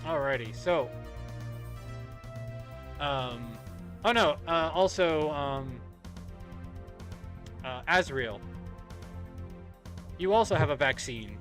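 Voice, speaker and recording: A man's voice: fairly high pitch, lively intonation, slow, pauses often, a bit bright, faint music behind. A man acting as game master, narrating a tabletop game casually and improvising in a hesitant way.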